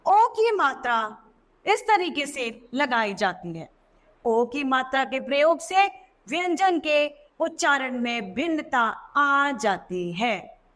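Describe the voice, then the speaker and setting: A woman teacher narrating a children's language lesson, slow and emphatic, stressing key words in a sing-song way. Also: high-pitched, very animated, a bit bright. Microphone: voice-over.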